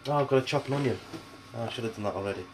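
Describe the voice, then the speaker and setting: A man's voice: medium pitch, racing, noisy background. A young man, cooking on camera and grumbling in bemused, exasperated chat. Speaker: amateur cook.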